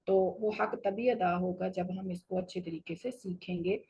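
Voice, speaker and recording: A woman teaching a Quran recitation lesson, explaining patiently and slowing down for each recited example. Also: lowish voice, fairly even intonation, mellow, slightly rough, poor audio. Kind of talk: tajweed lesson.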